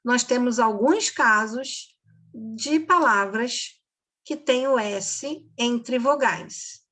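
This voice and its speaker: A woman teacher giving a slow, patient recorded reading lesson for children, repeating words and checking in with "ok?". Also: fairly high pitch, fairly bright tone.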